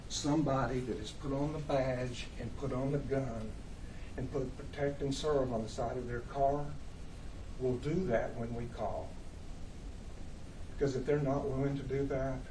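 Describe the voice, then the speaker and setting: A man's voice: mid-range voice, steady tone, unhurried. Distant, echoey man arguing in court. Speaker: prosecutor. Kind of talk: courtroom closing argument. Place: large indoor courtroom. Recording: roomy, distant mic, background noise.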